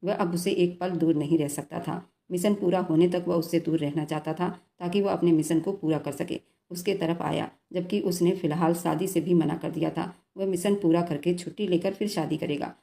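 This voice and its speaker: A woman narrating a romantic story in a steady, even reading voice. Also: on the low side, gravelly.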